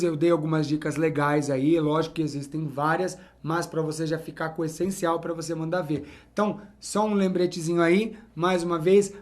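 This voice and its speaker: Man, high voice, patient step-by-step teacher at a whiteboard. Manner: explains step by step, repeating "então" and "ó". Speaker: English teacher. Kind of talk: whiteboard lesson.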